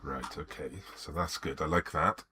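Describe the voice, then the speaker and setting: Background music accompanies a live art stream where an older Welsh man, seated at a desk in his home studio, mutters while working, grumbles about his software, and then greets people in chat. His voice rumbles low, with fairly even intonation and a moderate pace.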